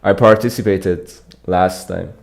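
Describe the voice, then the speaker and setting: His voice sits low, unhurried and gravelly: a young Iranian man streaming competitive programming, casually reading and replying to live chat. The setting is a small dim room in pink light, with a studio mic on an arm.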